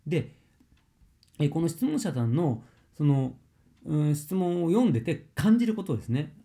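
A man's voice: fairly high pitch, very animated, normal speed, dark tone. A man working as a vocal coach, answering a listener's question in a casual lesson and explaining with everyday comparisons.

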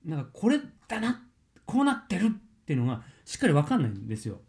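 A man's voice: on the high side, huge pitch swings, fast talker, gravelly, a little mellow. A man explaining singing technique as a voice coach, in a chatty, loose way with frequent fillers and self-corrections. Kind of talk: casual spoken lesson.

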